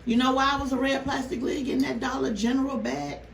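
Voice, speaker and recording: A woman vlogger telling a story casually to her viewers, animated and exasperated, with rhetorical questions. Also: sits high, fairly quick, gravelly. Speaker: mukbang vlogger. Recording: roomy, noisy, distant microphone.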